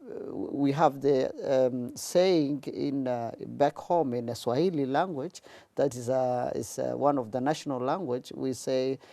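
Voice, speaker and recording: A man speaks with a dark, gravelly voice in a dry, close sound. He answers at a measured pace, pausing often on "uh" as he gathers his thoughts. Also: medium pitch, dry recording. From Tanzania. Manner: measured, with frequent hesitations. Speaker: guest, public relations officer. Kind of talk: conversational interview answers.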